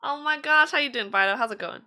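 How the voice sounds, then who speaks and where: A woman's voice: high voice, fast talker, pushed and bright. A woman streaming tarot readings in casual chat, chatty and giggly with lots of fillers, her voice slightly strained.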